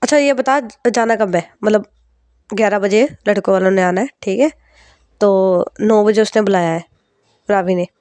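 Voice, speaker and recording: A woman's voice: mid-range voice, normal speed, a little mellow, no echo, natural voice. A woman voicing a blunt young friend who chides plainly. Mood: practical. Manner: blunt, chiding.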